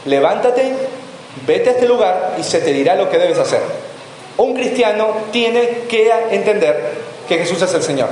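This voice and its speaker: In an echoey church hall with faint background noise, a man preaching as pastor puts rhetorical questions to his congregation. His voice is high and animated, with a darkish tone, and he never rushes.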